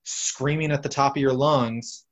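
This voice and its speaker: A man's voice: mid-range voice, fairly even intonation, a little slow, fairly bright tone. Rambling, profane man hosting a chat. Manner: rambling, profane, lots of fillers. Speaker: podcast host. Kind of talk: casual chat.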